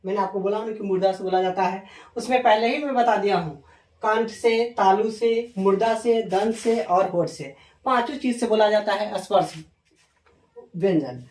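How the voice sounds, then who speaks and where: A woman's voice: medium pitch, normal speed, darkish tone. A woman teaching a grammar lesson. She spells out letters one by one and asks questions that she answers herself. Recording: echoey room from a distance.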